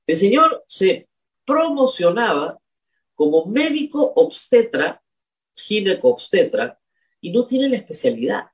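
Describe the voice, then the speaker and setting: A political commentator delivers indignant commentary in a slow, sing-song voice whose pitch swings widely as each point is pressed. Scolding and emphatic, they repeat points for effect, speaking from a little far back from the microphone.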